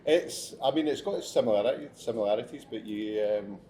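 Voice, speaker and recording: A man's voice: medium pitch, fairly quick, slight background noise. A Scottish man, a chef who teaches students, speaking steadily and plainly in an interview. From Scotland. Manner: steady, plain-spoken, with some restarts. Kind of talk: casual interview chat. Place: restaurant.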